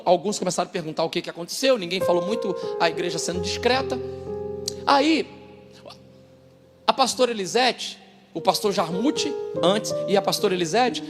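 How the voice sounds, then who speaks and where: High, animated man preaching. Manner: animated, dramatic storytelling with voiced quotes. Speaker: pastor. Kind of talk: testimony sermon. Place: church hall. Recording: church hall with long reverb and music behind.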